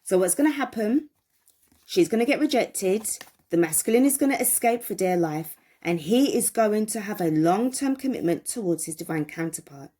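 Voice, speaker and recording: A woman's voice: medium pitch, expressive, moderate pace, dark tone. Emphatic woman giving a tarot reading. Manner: emphatic, repeats phrases, asks viewers questions. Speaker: tarot reader.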